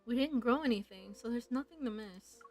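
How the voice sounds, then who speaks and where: A young woman reading a story game aloud, breaking into chatty, excited asides. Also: fairly high pitch, fairly quick, soft background music, low-quality recording. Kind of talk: casual playthrough narration.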